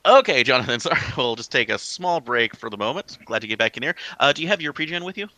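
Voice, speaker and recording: Running an online tabletop game as game master, a man talks in an easygoing, rambling way packed with fillers. His medium-pitched voice is animated, fast, bright, and forceful, and the recording is dry.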